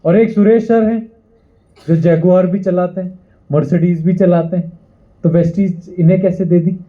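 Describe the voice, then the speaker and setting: High-voiced man rousing a seminar crowd. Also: fairly even intonation, moderate pace. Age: young adult. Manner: rousing, repeats lines for the crowd to echo. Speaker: motivational speaker. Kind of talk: motivational seminar speech. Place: event hall with a live audience. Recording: tinny phone-like sound.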